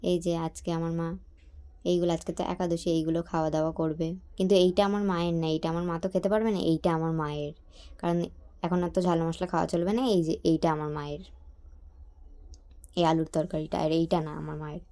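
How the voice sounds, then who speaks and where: A young woman from chats straight to her viewers as a casual vlogger. Her voice sits a little low and flat, with a mellow, dark tone. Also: brisk. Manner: chatty, talks straight to viewers. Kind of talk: casual vlog narration.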